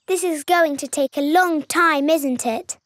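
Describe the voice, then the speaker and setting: A woman's voice: high voice, slow pace, dry recording, clean studio sound. A woman voicing a playful little girl rabbit in a children's cartoon, chirpy and a little sulky.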